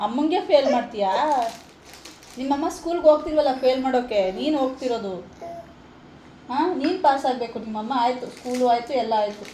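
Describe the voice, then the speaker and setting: High quick-talking woman coaxing a child. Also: warm tone. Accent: Kannada, from Kalaburagi. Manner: coaxing, consoling a crying child. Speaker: vlogger. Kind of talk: casual family chat. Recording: echoey room, faint noise.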